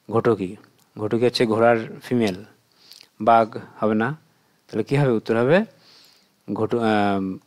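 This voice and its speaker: Male tutor, Bengali accent, mid-pitched voice, patient question-and-answer delivery for young students. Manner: patient, asks and answers his own questions. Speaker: teacher. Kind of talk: exam question walkthrough for children.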